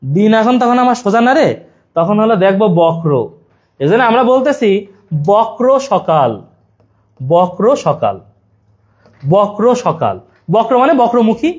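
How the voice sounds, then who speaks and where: A man's voice: sits high, a little mellow. A young man leads an exam-prep lesson. He talks to his students in a chatty way and builds playful memory tricks into the teaching.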